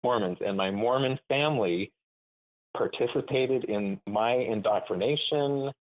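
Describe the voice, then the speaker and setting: A man calling into a show, speaking thoughtfully and haltingly over a clipped phone line, pausing often to search for words. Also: mid-range voice. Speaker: caller. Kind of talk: call-in conversation. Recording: narrow tinny phone line.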